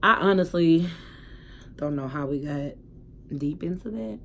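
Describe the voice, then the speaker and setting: Low-voiced woman vlogging frankly to her phone. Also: lively intonation, unhurried, creaky, slight background noise. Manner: candid, emphatic, swears freely, swings between loud outbursts and quiet reflection. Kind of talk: casual personal storytelling to a phone camera.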